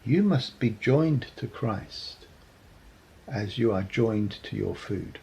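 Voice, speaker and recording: A man giving a reflective sermon talk, measured and earnest, often pausing with ums. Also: lowish voice, lively intonation, gravelly, a little mellow, slight background noise, low-quality recording. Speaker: preacher.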